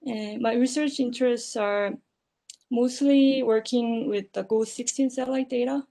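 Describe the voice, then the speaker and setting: A woman from South Korea gives a short self-introduction over a video call, her voice carrying a gravelly fry. She sounds a little tired and lets her phrases fade softly. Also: a little high, fairly even intonation, measured pace. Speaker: early-career researcher. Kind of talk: online panel self-introduction.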